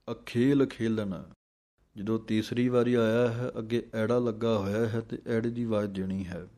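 A man teaching scripture recitation. He chants verses slowly, then explains pronunciation in quicker speech. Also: lowish voice, dark tone.

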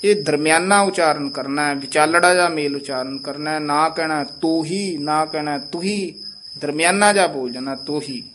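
A man teaching how to pronounce scripture, who says each phrase slowly and then explains the correction. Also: on the high side, fairly bright tone, a little hiss or hum. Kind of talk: pronunciation lesson.

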